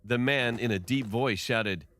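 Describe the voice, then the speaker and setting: A man giving a scripted first-person narration of a story in a steady storytelling delivery. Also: mid-range voice, unhurried, a little hiss or hum.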